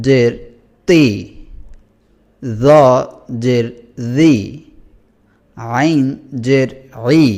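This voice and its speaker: A man teaching Quran reading, drilling each Arabic letter with its vowel sign, slowly and deliberately. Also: mid-range voice, a little mellow. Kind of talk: letter-by-letter recitation lesson.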